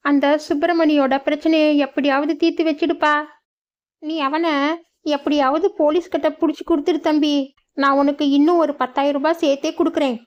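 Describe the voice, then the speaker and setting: A woman's voice: high voice, fairly even intonation, a little fast, a little mellow, pitched above the performer's own voice, close to an everyday voice. A woman voicing a worried older village mother in a cartoon, with a tearful, pleading manner. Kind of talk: cartoon voice acting. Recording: dull lo-fi sound.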